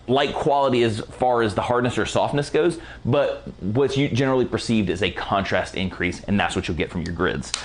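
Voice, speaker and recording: A man teaching a casual photography lighting tutorial in a relaxed, slangy, enthusiastic way while he is losing his voice. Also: mid-range voice. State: losing his voice, clearing throat. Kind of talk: casual product walkthrough tutorial.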